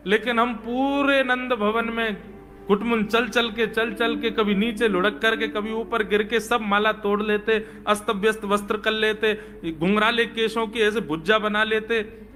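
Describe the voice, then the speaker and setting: A man's voice: sits high, level tone, unhurried, sharp tone. A man voicing a pleased, affectionate divine lord who fondly explains himself.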